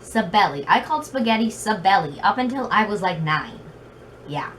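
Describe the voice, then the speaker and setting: Female vlogger, medium pitch, very slight lisp, chatty and self-deprecating storyteller; distant mic with light fan noise. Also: expressive, normal speed, a bit bright. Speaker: video blogger. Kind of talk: casual chatty vlog storytelling. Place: bedroom at home.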